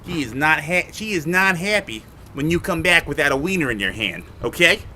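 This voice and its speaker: A man spins a ridiculous tale in a deadpan, mock-serious tone. His voice is bright and slightly high, with a faint hum in the background. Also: brisk, low-quality recording. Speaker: comedy co-host. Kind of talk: deadpan comic storytelling.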